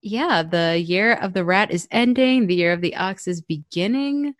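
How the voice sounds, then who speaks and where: A woman's voice: medium pitch, moderate pace, dry recording, studio quality. A young woman co-hosting a podcast, chatting casually with many fillers and laughs. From United States. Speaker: podcast co-host. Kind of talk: casual chat.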